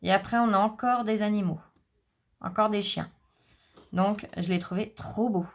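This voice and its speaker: A woman's voice: medium pitch, moderate pace. A French woman chatting casually to viewers as she unboxes craft supplies, enthusiastic and talkative. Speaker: craft vlogger.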